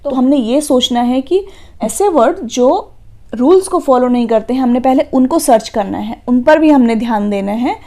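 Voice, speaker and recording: A woman's voice: sits high, animated, normal speed, mellow. A woman teaching a phonics lesson for children, spelling words letter by letter and answering her own questions.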